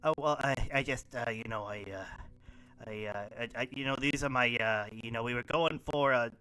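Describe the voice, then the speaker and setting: A man's voice: medium pitch, normal speed, sharp tone, smooth, natural voice. Man doing a stammering nervous cat boy. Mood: flustered. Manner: stammering, flustered. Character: nervous long-haired cat boy, teen.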